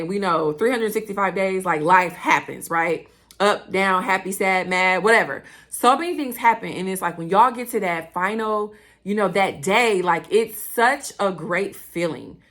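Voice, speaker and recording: A woman hosting her own podcast, talking fast and excitedly in a casual, direct way to her listeners and speaking of God. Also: fairly low pitch. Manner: chatty, addresses listeners directly. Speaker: podcast host. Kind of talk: casual solo podcast talk.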